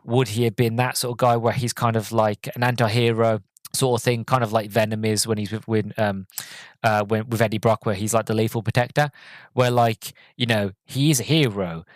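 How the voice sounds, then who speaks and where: A man hosting a solo podcast, recapping a film in a loose, rambling way with many fillers and restarts and sudden bursts of excitement. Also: on the low side, a little fast, no room sound. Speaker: podcast host reviewing a film.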